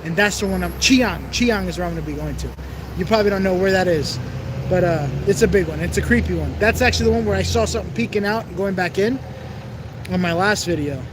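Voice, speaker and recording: A male livestream host talks quickly in a high-pitched voice while the background stays noisy. Out in the open on a casual stream, he chats and rambles, reading viewer comments aloud and laughing at himself.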